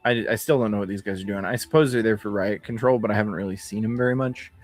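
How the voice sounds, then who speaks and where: A man's voice: fairly low pitch, fast talker. A man with a cold hosting a casual livestream, talking in a profane, sardonic, chatty way. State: has a cold. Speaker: livestream host. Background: faint background music.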